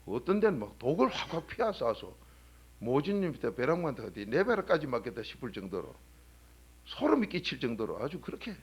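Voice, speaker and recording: A man preaching a sermon as a pastor, talking in a colloquial way and firing off rhetorical questions. He swings between loud exhortation and low, quiet asides. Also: husky. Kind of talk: early-morning sermon. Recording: 1997 church sermon recording.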